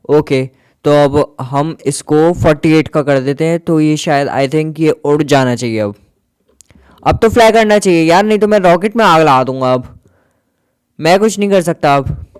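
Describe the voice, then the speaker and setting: A man with a high, smooth and resonant voice chats through his gameplay as a casual commentator. He grumbles and jokes in a playful banter and slips English words in here and there. The sound is close and dry, with no room around him. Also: moderate pace, darkish tone, no echo. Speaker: gaming YouTuber.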